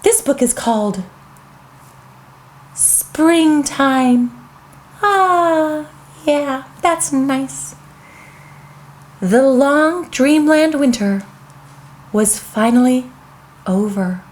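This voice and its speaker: Bubbly high-voiced woman reading to kids. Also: extremely slow, long pauses. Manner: bubbly and childlike, with frequent excited gasps; chatty asides to young viewers. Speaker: children's show host. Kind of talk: reading a picture book aloud to children.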